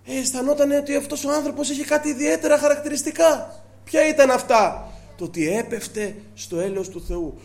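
A man preaching a sermon to his congregation, asking rhetorical questions and quoting scripture earnestly. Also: very high voice.

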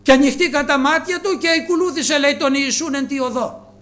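A man preaching a sermon, earnest, calling his listeners brothers and moving between soft, low passages and raised ones.

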